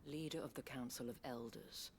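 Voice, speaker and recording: Hushed, worried noblewoman over noise. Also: extremely low pitch, normal speed. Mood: worried, grave. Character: worried, well-mannered woman guardian of wards. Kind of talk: dramatic video game dialogue.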